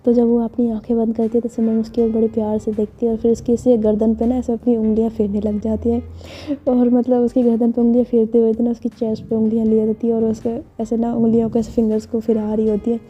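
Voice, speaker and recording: A woman narrating a romantic story in a chatty, casual way, full of fillers and quick self-corrections. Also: on the high side, completely flat delivery, warm tone, husky. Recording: dull lo-fi recording with faint music. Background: faint background music.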